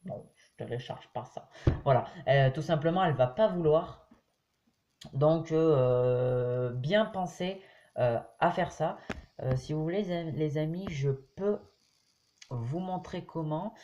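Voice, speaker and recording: A man hosting a casual tutorial over a screen recording, chatty and hesitant, often pausing with fillers and talking straight to his viewers as friends. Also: a little high, warm tone, highs cut off. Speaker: YouTube tutorial host.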